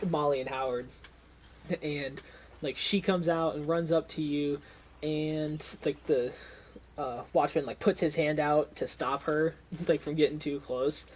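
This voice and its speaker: A man's voice: fairly high pitch, highs cut off, slight background noise. A young man narrating as game master in a casual, rambling way with frequent laughter.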